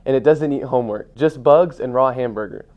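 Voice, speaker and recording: A man's voice: mid-range voice, a little fast, a little mellow, close to an everyday voice. A young man voicing a moody schoolgirl in a read-aloud storybook, in a plain reading voice. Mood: grumpy. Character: moody schoolgirl with a smelly pet. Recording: dull lo-fi sound.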